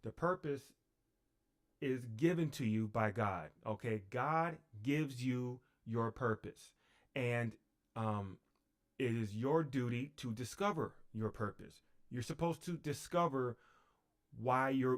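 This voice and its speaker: A man teaching on a livestream. He talks unhurriedly, with fillers and repeated phrases. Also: mid-range voice.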